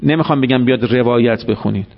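Male preacher, mid-pitched, animated storyteller, dull recording. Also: creaky. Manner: animated storytelling, acting out dialogue. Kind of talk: religious sermon.

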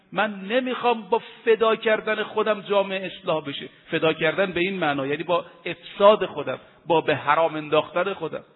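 A man preaching a sermon with emphasis, slowly chanting Arabic quotations. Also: high voice. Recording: tinny lo-fi recording in an echoey hall.

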